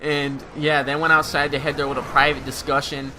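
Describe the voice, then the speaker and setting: A man in his twenties recounting high school stories over gameplay commentary, animated and slangy, laughing as he goes. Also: brisk, a little hiss or hum. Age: 20s. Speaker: gaming channel host.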